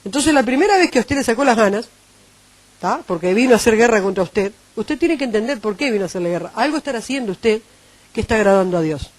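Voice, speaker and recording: A woman with a Uruguayan Spanish accent preaching a sermon, animated and acting out the voices she quotes. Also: fairly high pitch, quick pace, no room sound.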